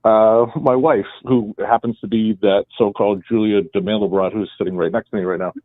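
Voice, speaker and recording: Phoning a call-in radio program from his house with his wife next to him, this caller speaks in a Boston accent, rambling and emphatic as he explains things at length. The voice sits on the low side, steady in tone and fairly quick. The dry phone line carries no room sound, first via speakerphone and later the handset.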